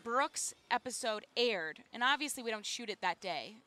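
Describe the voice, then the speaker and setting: Young woman sideline reporter, bright and lively, chatty, quick to laugh. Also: fairly high pitch. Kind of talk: casual chat. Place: arena courtside.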